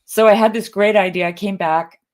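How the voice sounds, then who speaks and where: A woman from Canada, co-hosting a podcast, speaks briskly in a mid-range, darkish voice with a steady tone. She tells a wandering personal story in relaxed conversation, with frequent restarts and laughs.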